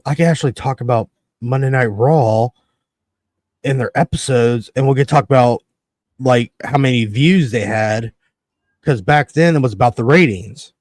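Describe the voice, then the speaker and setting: Speaking at normal speed but pausing often, a medium-pitched man in his early thirties hosts a casual podcast. There's no echo, and he swears freely as he rants and tells stories, acting out his reactions in quotes.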